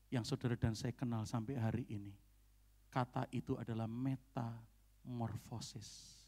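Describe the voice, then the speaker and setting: A middle-aged man, preaching a lively storytelling sermon in a church hall, often tagging his sentences with "saudara, ya" and acting out the people he quotes. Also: mid-range voice. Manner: animated storytelling, many "saudara, ya" asides, acts out quoted dialogue. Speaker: pastor.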